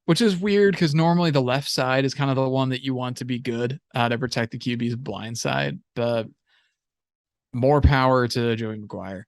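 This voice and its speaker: A man's voice: mid-range voice, moderate pace, no room sound, clean studio sound. A young man co-hosting a football podcast, talking casually and sarcastically with lots of fillers. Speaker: podcast co-host.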